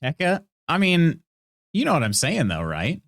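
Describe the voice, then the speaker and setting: A man from Indiana with a Midwestern American accent tinged with Southern chats casually while live-streaming a game, rambling, joking and reading viewer comments aloud. His fairly high, bright voice swoops wildly in pitch at a moderate pace, captured in a dry, clean studio recording.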